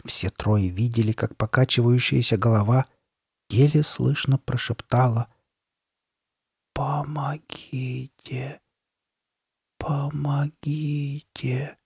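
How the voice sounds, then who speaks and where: A man narrating a horror story in a measured, dramatic reading style with slowed pauses. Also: mid-range voice, creaky, darkish tone, husky, dry recording, studio quality. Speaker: audiobook narrator.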